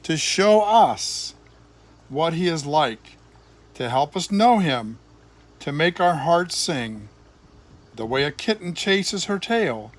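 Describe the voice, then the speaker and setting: A slightly high-voiced older man, a grandfather, reads a children's Bible storybook aloud expressively, lingering in emphatic pauses and shaping each phrase deliberately.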